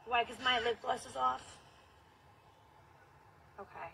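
Livestreaming from her car on a phone at arm's length, a blunt, profane woman in her thirties talks casually and slowly. Her voice is on the high side, bright, creaky and forceful, with fairly even intonation, and the audio is poor, full of car-interior noise.

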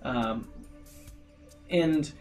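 A man's voice: mid-range voice, extremely slow, a little mellow. A man hosting a build stream, chatting casually and giving frank advice, rambling with many fillers and restarts. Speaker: custom fight stick builder hosting a live stream. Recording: voice a bit far from the mic, faint music behind.

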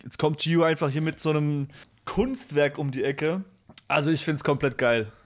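A man's voice: on the high side, normal speed. A man as a guest in a casual reaction chat, enthusiastic and slangy.

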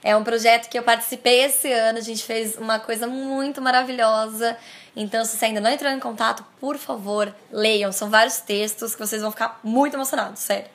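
A young woman with a Brazilian accent, chatting excitedly with fans on the phone in a bubbly, gushing way. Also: fairly high pitch, quick pace. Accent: Brazilian Portuguese. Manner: bubbly, gushing, squeals and laughs. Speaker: youtuber calling fans. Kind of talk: excited casual phone chat.

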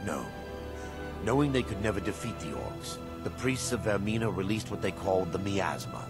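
An actor playing a grave, remorseful priest in a video game, speaking in a solemn, formal, measured way. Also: male voice, low voice, animated, over loud music. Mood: grave, explanatory. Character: grave, remorseful male priest guiding an adventurer. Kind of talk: video game character dialogue.

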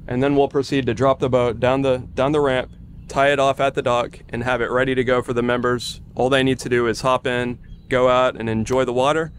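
A man's voice: medium pitch, level tone, a little fast, a little hiss or hum. A man from a boat club explaining step by step how the club serves its members. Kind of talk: explaining a service to camera.

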